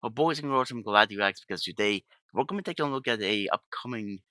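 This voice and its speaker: A man's voice: fairly low pitch, animated, fairly quick, pushed and bright, no room sound. Sick-voiced man, rambling game commentary. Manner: rambling, with frequent self-corrections. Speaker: gaming channel host. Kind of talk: casual gaming commentary.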